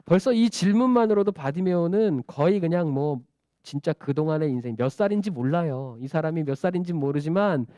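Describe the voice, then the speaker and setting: A man preaching a storytelling sermon to children, animated and asking them questions. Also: a little high, brisk, no echo, clean studio sound.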